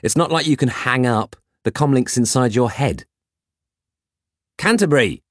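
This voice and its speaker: A man's voice: medium pitch, moderate pace, no echo, studio quality, pitched above the performer's own voice, natural voice. A man voicing a petulant, bossy man who talks in a huffy, insistent way.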